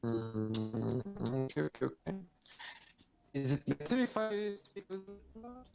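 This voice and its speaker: A man's voice: medium pitch, creaky, darkish tone, faint music behind, poor audio. A man playing a tabletop game over an online voice chat, his voice choppy and robotic from a bad connection. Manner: hesitant, halting. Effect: choppy, robotic-sounding bad online voice connection. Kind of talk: casual planning with fellow players.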